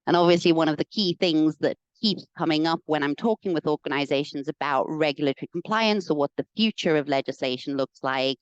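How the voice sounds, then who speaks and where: A young woman from South Africa with a South African accent, an environmental consultant giving a friendly, measured online presentation with frequent "um" fillers. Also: deep voice, dry recording. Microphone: video call. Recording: dull, dry webinar audio.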